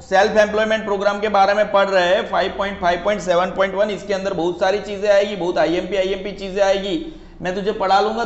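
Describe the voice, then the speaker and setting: A male economics tutor giving a playful classroom lecture, joking and teasing an imagined student and mixing English terms into his talk. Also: high voice. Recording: echoey, dull lo-fi room.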